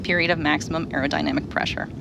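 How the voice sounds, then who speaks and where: Woman, lowish voice, launch webcast host, explanatory live commentary, clear enunciation, faint noise behind. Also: fairly even intonation, racing.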